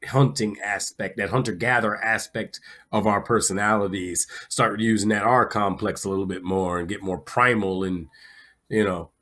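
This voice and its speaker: A man's voice: fairly low pitch, steady tone, moderate pace, fairly bright tone. A man hosting a podcast, talking casually and encouragingly, often checking in with his guest. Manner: casual, affirming, repeats "you know what I'm saying". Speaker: podcast host. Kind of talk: podcast interview.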